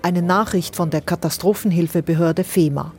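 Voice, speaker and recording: Low-voiced woman narrating a radio report. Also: moderate pace, a little mellow, slightly rough, faint music behind. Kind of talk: scripted news narration.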